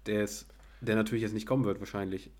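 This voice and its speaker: Chatty young man, lowish voice. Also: steady tone, quick pace, darkish tone. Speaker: podcast co-host. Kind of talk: casual chat.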